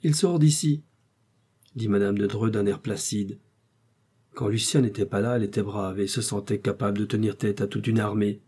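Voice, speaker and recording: A man narrating a classic novel as an audiobook, reading in a measured, literary way. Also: lowish voice, flat delivery, dark tone, slightly rough.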